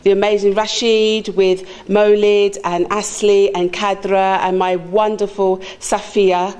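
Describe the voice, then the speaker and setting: A woman's voice: mid-range voice, flat delivery, unhurried, a little mellow, smooth. A woman who works as a school learning mentor, giving an effusive, grateful speech at a community meeting.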